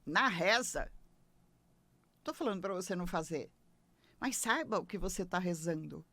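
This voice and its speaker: A woman with a Brazilian Portuguese accent hosting a late-night spiritual advice show, talking in an expressive, emphatic way with playful asides. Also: lowish voice, moderate pace, dry recording. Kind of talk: conversational spiritual teaching.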